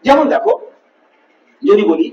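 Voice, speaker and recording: High-voiced man teaching grammar, echoey. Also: wildly swooping pitch, darkish tone, recorded from a distance, highs cut off. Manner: repeats sample words slowly, quizzes the listener. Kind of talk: classroom-style lesson with board writing. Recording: echoey room miked from afar, faint hiss.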